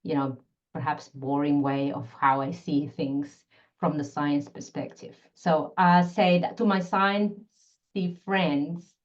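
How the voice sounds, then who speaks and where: Speaking slowly in a low, steady voice over dull audio, a middle-aged woman from Peru talks about her work as a constellation facilitator and scientist. She is a podcast guest with a Peruvian Spanish accent, thoughtful in her explanations and often searching for the right words.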